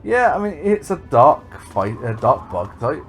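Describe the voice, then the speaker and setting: A man's voice: fairly high pitch, big pitch swings, unhurried, soft background music. A man streaming a game, chatting casually in a rambling way, trailing off and swearing as he goes. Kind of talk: casual livestream chat.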